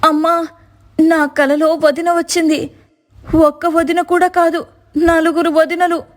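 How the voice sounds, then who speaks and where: A woman voicing a spoiled, bossy young sister-in-law in a cartoon, with a shrill, demanding manner. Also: moderate pace, lightly acted. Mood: frightened. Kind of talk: cartoon voice acting.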